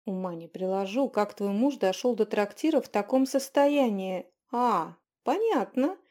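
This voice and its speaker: A woman voicing a brisk, wry healer witch who speaks with calm authority. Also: mid-range voice.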